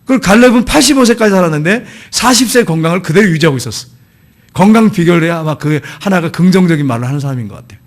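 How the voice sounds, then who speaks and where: A man preaching a sermon, blessing the congregation and repeating key phrases, with sudden drops from emphatic to quiet. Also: fast talker. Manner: animated, swings between loud emphatic lines and low quiet asides. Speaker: pastor.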